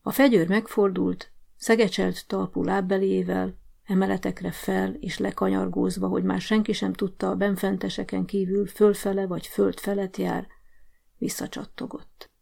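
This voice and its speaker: A woman narrating a short story for an audiobook in a measured, even storytelling manner. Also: medium pitch, gravelly. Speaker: audiobook reader. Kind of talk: scripted narration.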